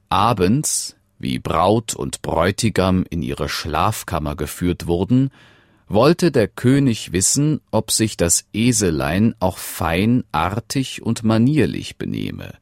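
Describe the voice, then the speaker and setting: Deep, slow fairy-tale narrator. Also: male voice, creaky, no room sound, studio quality. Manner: measured, expressive storytelling. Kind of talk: storybook fairy-tale reading.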